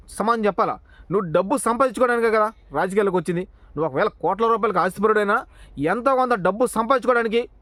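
Man, political commentator, rapid-fire confrontational rant, high voice, dry close sound. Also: a bit bright, no room sound. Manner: confrontational, addresses the target directly with rhetorical questions. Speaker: political commentator, channel owner. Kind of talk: heated political monologue.

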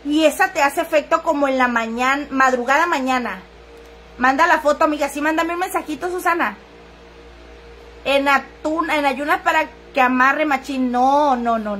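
A woman's voice: high voice, expressive, moderate pace, fairly bright tone, slight background noise. A middle-aged woman, chatting crudely and casually while selling on a livestream and answering viewers' comments. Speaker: livestream seller.

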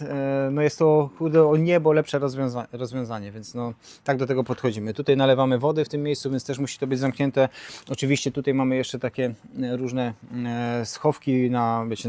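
A man's voice: medium pitch, a little mellow. A man casually showing around his camper van at a campsite outdoors, talking loosely with lots of fillers and restarts, recorded on a handheld camera. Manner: chatty, many fillers and restarts. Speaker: vlogger. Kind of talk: casual vlog walkthrough.

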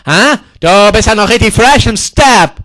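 A high-pitched man in a crude comedy sketch. He barks abrasive insults and drops English slang between his words. He stretches his catchphrases into long, drawn-out shouts. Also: animated. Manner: repeats catchphrases in a drawn-out yell. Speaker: comedy character performer.

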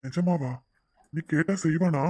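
In this cartoon voice-acting clip, a performer with a Tirunelveli Tamil accent plays a scheming male lover who sweet-talks for money. The coaxing delivery is medium-pitched, a little slow and a little mellow, only lightly acted. The recording is clean studio sound with no room echo.

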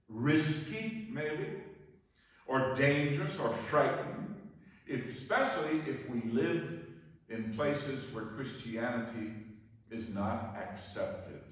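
A man giving a Sunday homily as a priest, in a conversational, folksy way with pauses. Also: mid-range voice, fairly bright tone. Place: church. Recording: echoey church, voice from far off.

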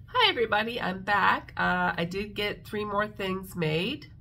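A woman's voice: medium pitch, animated, unhurried, sharp tone, slight background noise. A woman with a congested, stuffy voice, chatting casually as she shows her crafts and thinks aloud. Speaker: craft vlogger. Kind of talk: casual show-and-tell chat.

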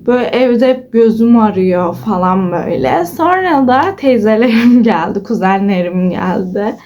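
A woman's voice: a little high, animated, normal speed, darkish tone, muffled recording. A woman in her twenties chatting to her followers in a casual vlog, telling stories and acting out what people said, with giggles. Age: 20s. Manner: chatty storyteller, acts out quoted dialogue with giggles. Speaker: vlogger.

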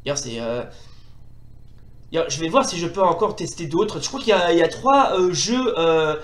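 High, excitable man commenting on gameplay. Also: moderate pace. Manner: hesitant, many fillers and restarts; excitable exclamations during fights. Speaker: retro gaming video host. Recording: roomy echo.

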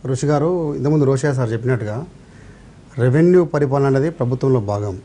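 A man's voice: medium pitch, quick pace, dark tone, a little hiss or hum. A man with a Telugu accent, a revenue officials' representative on a TV debate, explaining measuredly and citing laws and history.

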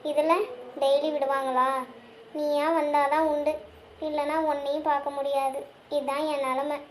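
Woman playing a soft worried cartoon big sister, high pitched, a bit sad and gentle. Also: flat delivery, normal speed, slight background noise, close to an everyday voice. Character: gentle troubled married woman, the older sister. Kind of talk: cartoon voice acting.

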